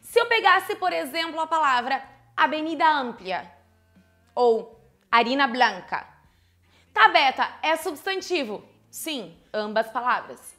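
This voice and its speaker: A young woman teaches Spanish in a quick, playful way, full of questions she answers herself. Her voice is high and bright. Soft music plays faintly behind her. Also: sing-song. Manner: playful, chatty, rhetorical questions. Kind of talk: lively online lesson.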